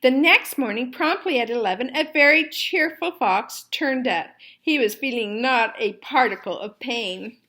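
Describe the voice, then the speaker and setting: A woman storyteller and teacher reading aloud to children expressively, with deliberate phrasing. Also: a little high, animated, bright, forceful tone.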